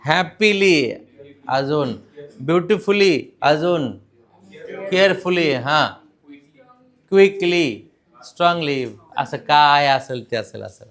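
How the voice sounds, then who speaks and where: A man with a Marathi accent teaching a class, slipping English words in among his own. His voice sits a little high and swings widely in pitch. He talks slowly and keeps asking his students questions. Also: expressive, a bit bright. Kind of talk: classroom lesson.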